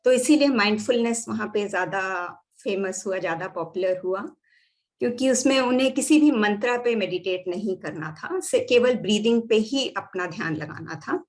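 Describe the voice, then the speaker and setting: A woman's voice: medium pitch, normal speed. A woman with an Indian accent explaining yoga and medicine in a lecture, switching freely between Hindi and English. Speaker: doctor and yoga therapy teacher.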